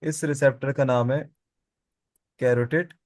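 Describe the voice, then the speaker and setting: A man's voice: mid-range voice, steady tone, unhurried, a little mellow, no echo. Man lecturing biology to a class. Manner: asks the class questions and answers them himself, repeats key terms. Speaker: biology teacher.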